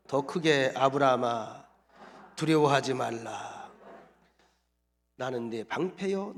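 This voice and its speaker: A middle-aged male pastor preaching a sermon, moving between hushed, near-whispered lines and loud, emphatic declarations. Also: mid-range voice. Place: church sanctuary.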